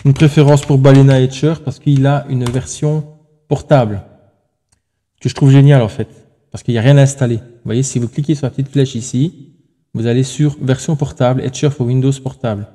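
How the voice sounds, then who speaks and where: A man's voice: medium pitch, fairly even intonation, a little fast, mellow. A man hosting a tech tutorial, talking casually through each step on screen, thinking aloud with fillers and self-corrections.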